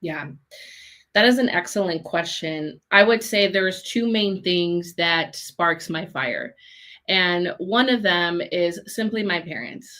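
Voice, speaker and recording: Taking her time, a fairly low-pitched, expressive woman with a fairly bright tone chats as an interview guest over video call. Chicago-born and Minnesota-raised, she runs a community leadership program and speaks earnestly and cheerfully, filling her speech with fillers.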